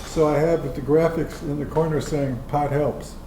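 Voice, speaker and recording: A man's voice: on the high side, steady tone, moderate pace. A man telling a rambling, chuckling story about the show he produces, chatting at a dinner meeting. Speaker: public-access show producer. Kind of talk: casual chat at a dinner meeting. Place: dinner gathering indoors. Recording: echoey room, background noise.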